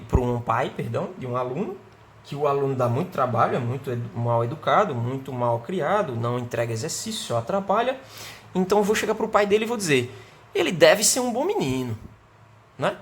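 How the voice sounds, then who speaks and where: A Brazilian man, an English teacher, explaining grammar in a remote school lesson and slowing down to say the example sentences. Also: a little high.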